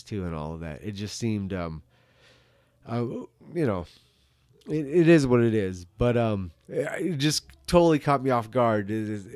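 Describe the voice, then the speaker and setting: A middle-aged man in a casual, rambling monologue as a video host, halting and repeating words, with some casual swearing. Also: on the low side, a little mellow, dry recording. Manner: casually foul-mouthed. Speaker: video host answering viewer questions.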